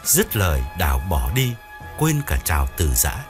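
A man's voice: low voice, moderate pace. Dramatic male storyteller with sweeping intonation. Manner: expressive, dramatic. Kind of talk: audiobook ghost story narration. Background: soft music.

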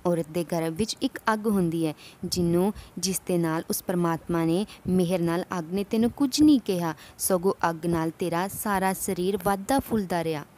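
A woman voicing a gentle, wise male saint who teaches in a calm, instructive way in a devotional story. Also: high voice, moderate pace, lightly acted. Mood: admonishing.

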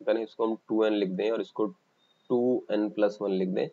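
A man with an Indian accent teaching a math lesson for exam coaching, explaining step by step and pausing as he writes. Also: lowish voice, steady tone, dark tone, highs cut off. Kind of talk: online exam-coaching lecture.

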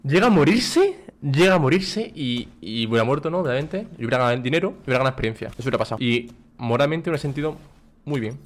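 Excitable young streamer, lively pitch. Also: male voice, fast. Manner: excitable, bursts into high shouts and swearing. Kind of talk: live gameplay commentary.

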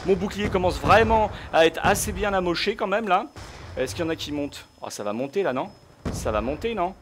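A young man giving casual gameplay commentary, chatting to viewers and bursting into angry shouts when he loses. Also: sits high, a little fast, soft background music. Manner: excitable, bursts into rage shouts. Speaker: gaming YouTuber.

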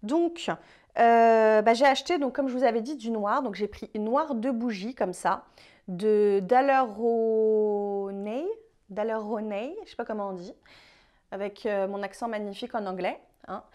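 Chatty French-speaking woman with a higher voice. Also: normal speed. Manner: chatty, relaxed, many fillers like "euh" and "bah". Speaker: painting vlogger. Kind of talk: casual vlog narration.

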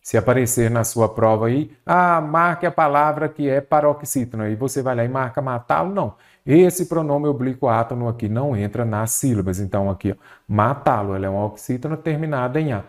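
A man's voice: medium pitch, a little fast, a little mellow. A man teaching a Portuguese grammar lesson for exam prep, asking questions and answering them himself.

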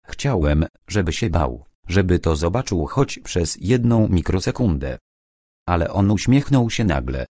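A man narrating a first-person crime novel audiobook in a measured, even reading. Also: sits low, dry recording, studio quality. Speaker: audiobook reader.

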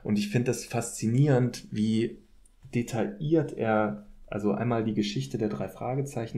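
A political scientist appears as a podcast guest, answering interview questions conversationally. His voice is lowish and mellow, and his phrasing is thoughtful, hesitant and academic.

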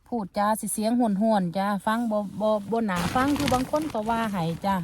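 A woman from Surin with a northeastern Thai accent and a native Khmer background, a little hoarse, murmuring casual asides while foraging outdoors. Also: medium pitch, normal speed, noisy background. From Surin, northeastern Thailand. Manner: soft, murmured asides to viewers. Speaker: mushroom-foraging vlogger. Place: outdoors in a forest and on a lawn.

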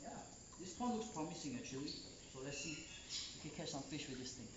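Higher-pitched man vlogging outdoors. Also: expressive, a little fast, reverberant, highs cut off, very noisy. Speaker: fishing vlog host. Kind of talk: casual outdoor vlog narration. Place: outdoors at a cliff and cave.

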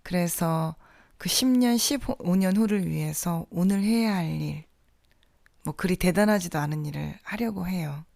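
A woman hosting a podcast, speaking a reflective, scripted monologue in a soft-spoken way. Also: on the low side, measured pace, vocal fry, no room sound, clean studio sound. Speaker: podcast host.

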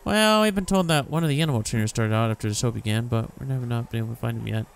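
Man reading a formal, brisk city guard. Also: medium pitch, creaky, clean tone, natural voice. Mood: official, concerned. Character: formal, worried male city guard in fantasy game.

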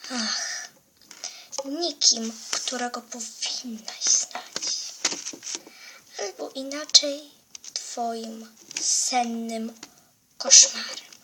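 A young female performer voicing a threatening female nightmare spirit in a whispered role-play, speaking slowly in a hushed voice. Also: on the high side, noisy background. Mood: menacing whisper.

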